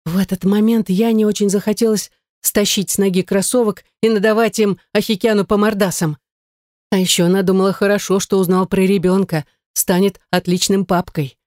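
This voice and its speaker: A woman narrating a novel in a measured, even reading. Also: mid-range voice, dry recording, clean studio sound. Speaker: audiobook narrator. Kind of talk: scripted narration.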